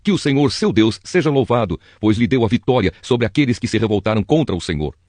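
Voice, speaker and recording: A man's voice: medium pitch, lively intonation, quick pace, a little mellow, no echo, lightly acted. A man voicing an eager young messenger who insists on running with the news. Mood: reverent reporting. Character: eager young male runner, pleading.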